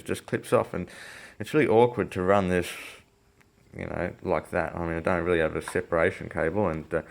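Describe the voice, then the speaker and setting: Deep-voiced and full of vocal fry, a man walks through an electronics repair without a script. The hobbyist presenter rambles and hesitates while thinking aloud, captured by a phone recording his workbench.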